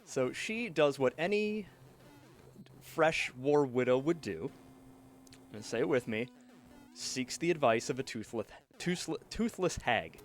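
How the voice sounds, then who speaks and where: A man's voice: mid-range voice, lively intonation, unhurried, pauses often. A man streaming a game while casually telling a folk tale, joking and often breaking off to react. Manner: joking, distracted, self-interrupting. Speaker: streamer and storyteller. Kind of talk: casual storytelling while gaming.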